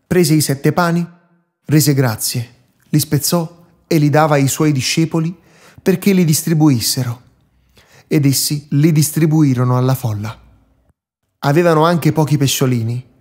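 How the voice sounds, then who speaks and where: A male priest giving a measured, deliberate scripted Bible reading, phrase by phrase. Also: a little high, darkish tone.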